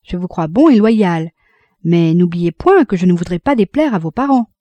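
A woman voicing a composed young widow who speaks crisply, sensibly and directly. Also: on the low side, animated, moderate pace, mellow, no room sound, lo-fi sound, natural voice.

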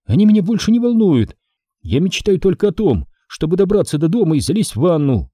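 A man reading an audiobook and voicing a shaken, fussy young woman in a shrill, flustered voice. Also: huge pitch swings, normal speed, warm tone, husky, no room sound, clean studio sound, exaggerated voice. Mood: fed up.

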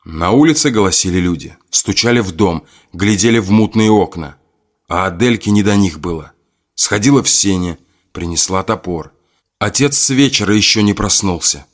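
A man narrating a horror folk tale in a grim, measured storytelling manner. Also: low-pitched, lively intonation.

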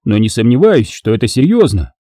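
A male narrator voicing a calm, measured older male Jedi master in an audiobook. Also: medium pitch, no room sound, clean studio sound. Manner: measured, firm.

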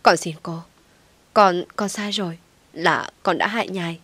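A woman's voice: fairly low pitch, steady tone, measured pace, fairly bright tone, no room sound. A woman voicing a guilt-ridden young woman who pleads through sobs, in a storybook reading. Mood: pleading. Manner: pleading, sobbing.

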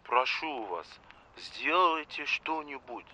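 Sharp-voiced pleading male president. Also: on the high side, lively intonation, slow, full character voice, low-quality recording. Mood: pleading, formal. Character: formal, pleading male head of state. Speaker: government official. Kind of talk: formal film dialogue.

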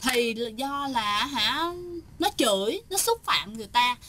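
A woman's voice: on the high side, sing-song, measured pace, bright, forceful tone. A woman telling a ghost story in a casual, chatty way, often turning to speak straight to her listeners.

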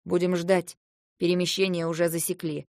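A woman reading an audiobook, voicing a calm, loyal male bodyguard who speaks quietly in a lowered voice. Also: moderate pace, no echo, clean studio sound, lightly acted.

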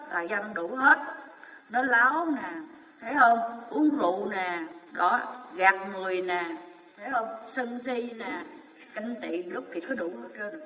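A man giving a Buddhist sermon, firing rhetorical questions and answering them himself with emphasis. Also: sits high. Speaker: Buddhist dharma teacher. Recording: dull, echoey hall recording from far off.

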